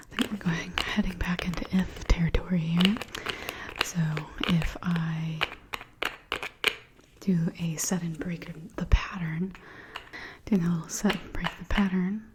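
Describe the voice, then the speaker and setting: A woman's voice: lowish voice, fairly even intonation, measured pace, pauses often, background noise. A woman whispering repetitive ASMR trigger phrases over tapping and lid sounds. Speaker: ASMR creator.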